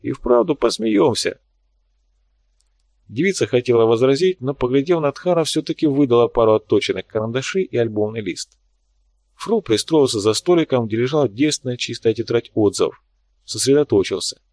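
A man reads a novel aloud in an even, measured voice of middle pitch. The recording is close and dry, with no room sound. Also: no echo. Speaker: audiobook narrator. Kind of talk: scripted narration.

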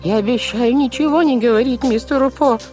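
A man voicing a shrill, panicky old woman. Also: brisk, darkish tone, soft background music. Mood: desperate pleading. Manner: shrill, desperate wailing. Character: terrified elderly woman guardian, panicky and pleading.

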